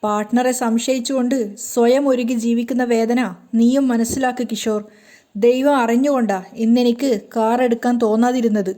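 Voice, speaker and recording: A woman voicing a sharp-tongued young wife who stages a ruse, teasing at first and then cold and defiant, in a storytelling reading. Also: a little high, fairly even intonation, moderate pace, close to an everyday voice. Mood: bitter.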